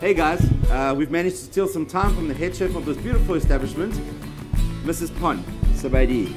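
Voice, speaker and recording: A man's voice: a little high, fast, over loud music. A man in his thirties hosting a food show outdoors at a restaurant at night, presenting on camera with enthusiasm and exclaiming over the food into a handheld mic. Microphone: handheld microphone.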